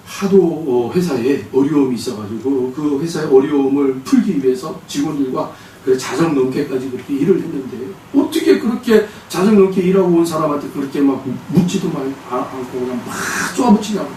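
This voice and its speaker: A male pastor preaching a sermon, animated, telling stories and acting out the quotes. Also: on the high side, brisk, a little hiss or hum. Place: church sanctuary. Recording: echoey church hall, distant mic, faint ambience.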